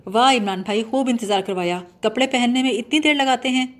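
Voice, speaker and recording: A woman reading the part of an irritable young woman, a sulky and sharp-tongued younger sister. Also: a little high, natural voice.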